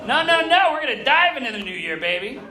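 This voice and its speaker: Lively, self-mocking male stand-up comic. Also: very high-pitched, quick pace. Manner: self-deprecating, dark humor, swearing. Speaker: stand-up comedian. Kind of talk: stand-up set. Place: comedy club stage. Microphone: handheld microphone. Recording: roomy club with audience laughter.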